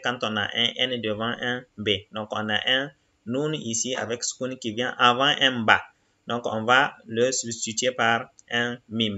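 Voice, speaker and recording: A man teaching a reading lesson, patiently sounding out syllables one by one and explaining each rule step by step. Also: muffled recording. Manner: calls out syllables louder and higher than his explanations.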